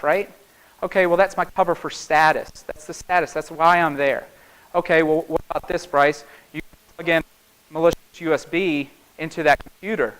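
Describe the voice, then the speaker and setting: Folksy man with an Appalachian accent, higher-pitched voice. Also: fairly bright tone, rough recording. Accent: Southern Appalachian American. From small town in North Carolina, United States. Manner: folksy, conversational, checks in with "right?" and "okay?". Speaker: conference speaker, security penetration tester. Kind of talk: informal conference talk. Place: live talk before an audience.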